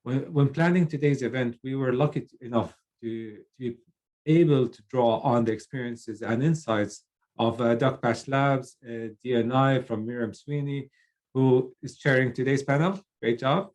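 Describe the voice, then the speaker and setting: The speaker is a Lebanese program manager, middle-aged, starting a webinar by video call from a child's bedroom. His voice is mid-range and darkish, with fairly even intonation, and his halting speech is full of fillers and restarts.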